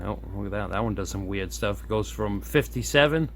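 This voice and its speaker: A man with a lowish voice talks briskly while giving a casual, hands-on demo of his radio modification at an indoor workbench, thinking aloud in an easygoing way. A camera on a tripod nearby records him, picking up steady background noise and room ambience.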